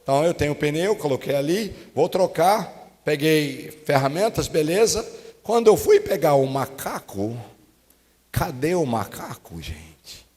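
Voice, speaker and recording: A guest pastor from the United States tells a story in his sermon, animated and acting out his own grumbling. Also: fairly high pitch, measured pace. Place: church meeting hall. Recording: long hall reverb.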